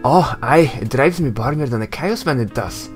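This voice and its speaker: A man voicing a sharp-tongued young tiefling woman in a game, mocking and teasing as he reads her lines. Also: medium pitch, animated, normal speed, faint music behind, close to an everyday voice.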